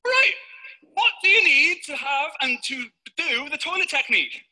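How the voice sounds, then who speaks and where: A man giving a high-energy, playful motivational talk on stage to a live audience. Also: animated, normal speed, bright, forceful tone, low-quality recording. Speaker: motivational speaker.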